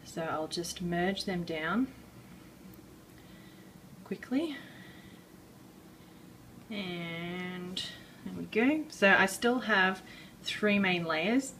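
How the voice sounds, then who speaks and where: Rambling, self-deprecating woman, slow and distant. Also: lowish voice, a bit bright, a little hiss or hum. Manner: rambling, self-deprecating, many fillers and restarts. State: a bit out of breath, clearing her throat. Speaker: art tutorial maker. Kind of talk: casual screen-recorded drawing tutorial.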